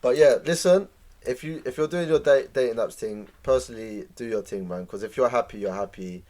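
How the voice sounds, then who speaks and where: A man's voice: mid-range voice, a little fast, a little mellow. A man with a London accent hosting a podcast in casual, slangy conversational banter. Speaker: podcast host.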